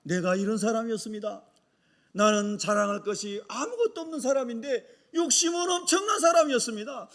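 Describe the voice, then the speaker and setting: A man's voice: extremely high pitch, fairly quick, a bit bright. A man preaching as a humble, hot-tempered Galilean fisherman apostle, making an earnest first-person confession. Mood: confessing.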